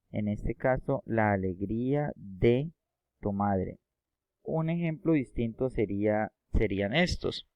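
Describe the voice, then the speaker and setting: Slow, patient man explaining a lesson. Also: mid-range voice, dry recording, highs cut off. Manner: slow, patient, repeats and checks with "¿sí?". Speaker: English teacher. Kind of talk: classroom explanation.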